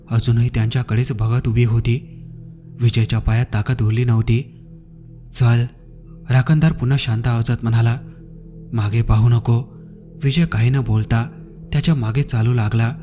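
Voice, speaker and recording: A man telling a scripted horror story in short, dramatic phrases with pauses. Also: medium pitch.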